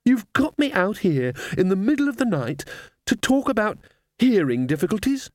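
A man's voice: high-pitched, very animated, normal speed, a little mellow, no echo, studio quality, voice pushed up. A man voicing a young schoolgirl who wails and protests in a storybook reading. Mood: indignant. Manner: wailing, indignant. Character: anxious schoolgirl, exasperated.

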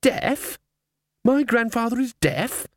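A man's voice: very high-pitched, very animated, takes it slowly, no echo, studio quality, pitched above the performer's own voice, full character voice. A man voicing a young schoolgirl who wails and protests in a storybook reading. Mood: indignant. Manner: wailing, indignant. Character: anxious schoolgirl, exasperated.

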